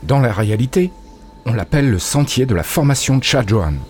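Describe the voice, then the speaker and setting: A man voicing a calm, methodical male soldier who explains things matter-of-factly, in an audio story. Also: medium pitch, brisk, a little hiss or hum, close to an everyday voice. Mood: analytical.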